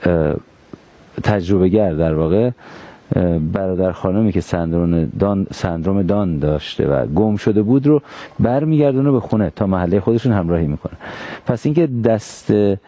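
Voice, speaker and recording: A man's voice: sits low, lively intonation, dark tone, no echo, lo-fi sound. A male interviewer asking probing questions, precise and insistent on exact wording.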